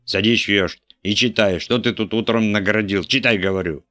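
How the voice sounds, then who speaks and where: A man's voice: fairly low pitch, steady tone, fairly quick, pushed and bright, no echo. A man reading an audiobook, voicing an irate, domineering older bishop who bellows and scolds. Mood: furious. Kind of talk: audiobook character voice.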